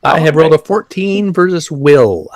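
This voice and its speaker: A man's voice: a little high, animated, normal speed, a little mellow. A man playing a tabletop role-playing game, bantering casually with the other players.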